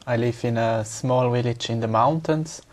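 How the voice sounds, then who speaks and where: A man's voice: medium pitch, moderate pace. Hesitant young man from Switzerland. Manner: hesitant, repeats words while searching for English. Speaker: exam candidate.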